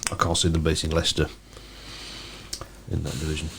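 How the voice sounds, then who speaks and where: Man, very deep voice, quick delivery, casual co-host chat, knowledgeable hedging. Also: monotone, gravelly, background noise. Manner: rapid, knowledgeable, hedges with "to be fair". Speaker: podcast co-host.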